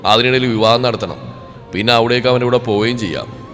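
A man's voice: a bit bright, natural voice. A man voicing a stern older uncle and family elder who speaks firmly and with command. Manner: firm, commanding, low and measured. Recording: reverberant room with background music.

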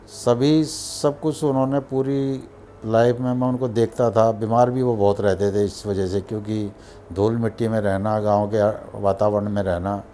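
An older man from Haryana, India, recounts his life in an interview. His voice is low and mellow, and he speaks in a reflective, unhurried way with pauses. Faint music runs underneath. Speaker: businessman interviewee. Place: office with shelves of awards, indoors. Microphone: lapel.

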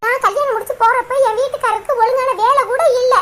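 Cartoon woman as a squeaky young wife, Kanyakumari Tamil, chatty and sulky. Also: steady tone, fast, a bit bright. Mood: aggrieved. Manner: chatty, aggrieved storytelling. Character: young married woman, sulking, lazy, complaining. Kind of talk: cartoon voice acting.

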